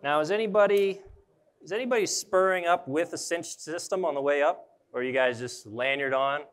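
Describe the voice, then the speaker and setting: Young man, smooth clear voice, casual trade-show demo, thinks aloud while working, close mic. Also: on the high side, a little fast, a bit bright. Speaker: arborist trainer. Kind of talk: live demonstration talk. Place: indoor trade show booth with a mock tree.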